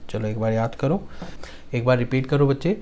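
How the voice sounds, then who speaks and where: A male accounts teacher from Delhi lectures his students with a Hindi-speaking accent, his voice mid-range and warm, with a little hiss or hum in the recording. He repeats key lines slowly, turns them into a rhyme to recite, and keeps asking whether things are clear.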